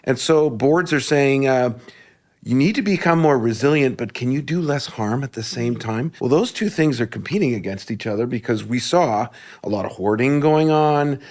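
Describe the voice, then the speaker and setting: Male panelist, articulate and measured, average pitch. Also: expressive. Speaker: panel guest, tech executive. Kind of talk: panel discussion.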